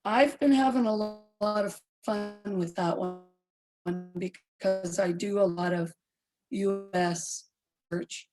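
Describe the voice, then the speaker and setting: A woman's voice: mid-range voice, steady tone, slow, low-quality recording. Woman on a breaking-up online call. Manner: rambling, conversational, restarts sentences. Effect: breaking-up online call audio, dropping quality. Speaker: genealogy speaker. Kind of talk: casual talk in an online session.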